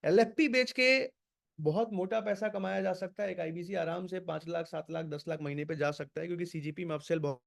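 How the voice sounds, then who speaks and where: A male sales trainer speaks on a video call through his computer or headset mic. His voice sits a little high and his delivery is brisk and energetic. He keeps urging his trainees along and slips English words into his Hindi. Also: creaky. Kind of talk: online training session.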